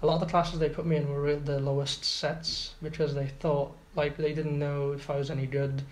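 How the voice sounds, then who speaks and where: A fairly high-pitched, flat voice belongs to an Iraqi man in his twenties who talks a little fast as a casual interview guest. Many fillers and restarts make him sound hesitant. The audio carries a roomy echo with faint noise behind it.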